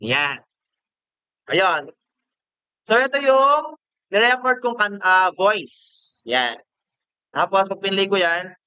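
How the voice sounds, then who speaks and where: A man with a Filipino accent teaching a screen-recorded software lesson, casual and checking in with the class often. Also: sits high, expressive, takes it slowly, long pauses, smooth, no echo.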